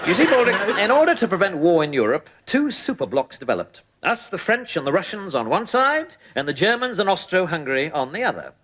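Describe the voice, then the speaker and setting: An actor playing a weary, sardonic army captain with dry, sarcastic delivery, in a played-back TV comedy clip. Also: male voice, high voice, big pitch swings, fairly quick, few pauses, fairly bright tone. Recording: TV clip played back with heavy background noise.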